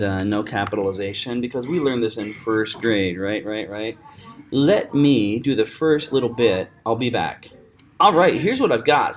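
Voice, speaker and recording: A man teaching acting script marking in a chatty, animated screen-recorded tutorial, laughing often. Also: medium pitch, a little hiss or hum.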